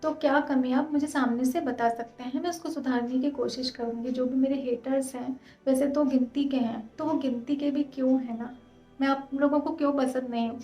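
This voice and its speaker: A woman in her thirties talking fast and earnestly to her viewers in a casual vlog. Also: sits high, steady tone, mellow, echoey room, soft background music. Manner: fast, earnest, direct address. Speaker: vlogger.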